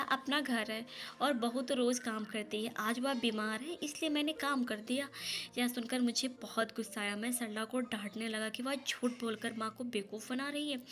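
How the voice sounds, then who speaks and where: A woman's voice: on the high side, fairly bright tone. A woman voicing a grieving husband torn between his mother and his wife, speaking earnestly and heavily. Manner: earnest, heavy-hearted pleading.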